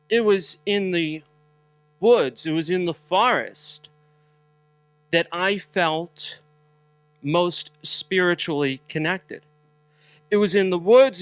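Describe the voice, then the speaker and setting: A man's voice: sits high, fairly bright tone, clean tone, dry recording, poor audio. A man from New Jersey leading a spiritual moment at a conference, telling a story with lots of fillers and a bit of humor before building to rhetorical questions. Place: conference hall.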